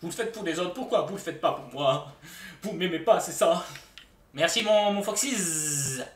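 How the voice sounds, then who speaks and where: High-voiced man streaming a game. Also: lively intonation, normal speed, roomy sound, recorded from a distance. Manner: joking, mock-outraged banter with chat. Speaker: streamer playing a shooter game. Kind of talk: casual live-stream commentary.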